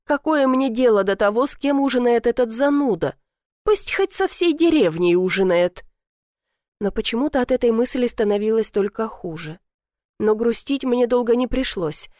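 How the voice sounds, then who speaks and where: A young woman narrating a first-person audiobook in a lively, indignant storytelling manner. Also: on the high side, no echo, clean studio sound.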